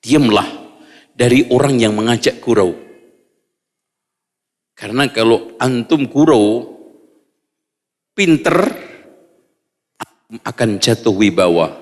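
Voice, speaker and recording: A man preaching, reading Arabic lines and explaining them in a lively way, acting out little examples with humor. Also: mid-range voice, slow, long pauses, in a large hall. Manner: lively, acts out examples, jokes with audience. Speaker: Islamic preacher.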